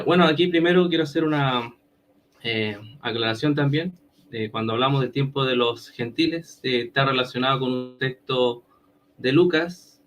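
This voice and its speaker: A Chilean man presenting his side in an online debate, earnest and deliberate with some hesitations. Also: medium pitch, a bit bright. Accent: Chilean Spanish.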